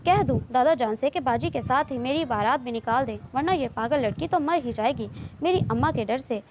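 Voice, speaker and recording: A teasing, loving young man from a romance novel, read aloud by a woman. He talks playfully and keeps pressing his point. The voice is fairly high, with a faint hiss of background noise. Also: fairly quick, dull audio, lightly acted. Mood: teasing, tender. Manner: playful, coaxing, insistent.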